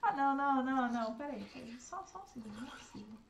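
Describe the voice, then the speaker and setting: A young woman, streaming herself playing a game and reacting with excitable, panicky outbursts. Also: high-pitched, racing, creaky, slight background noise. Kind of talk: live gameplay commentary.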